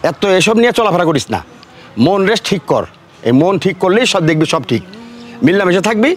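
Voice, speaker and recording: Man acting as a stern village father, scolding, preachy, quick speech, faint street noise. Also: high-pitched, sing-song. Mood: lecturing. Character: stern older village father lecturing his sons. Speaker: father of three sons. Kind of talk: short film acting.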